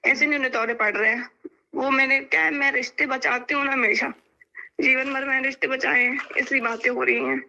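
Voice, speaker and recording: A high-pitched woman with a sharp, very bright voice comes through a tinny phone line. She sounds defensive and pleads to be heard out. The line is thin and phone-like. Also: fairly even intonation, brisk, gravelly. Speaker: caller in a quarrel. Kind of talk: phone call argument.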